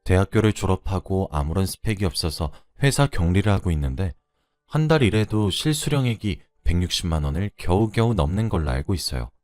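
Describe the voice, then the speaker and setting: A man reading a first-person story aloud in a conversational, lively way. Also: low voice, a little fast, no echo, studio quality, soft background music.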